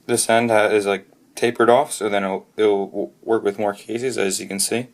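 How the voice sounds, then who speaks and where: A man's voice: lowish voice, little pitch movement. A man narrating an unscripted product review off the cuff, often stopping to restart and correct himself mid-sentence. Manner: halting, frequent restarts and self-corrections.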